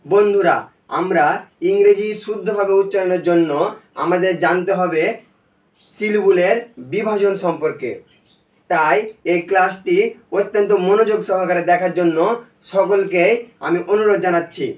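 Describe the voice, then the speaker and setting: A man teaching a recorded video lesson, explaining step by step in a slow, patient way. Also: high voice, fairly even intonation. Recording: echoey room, voice from a distance.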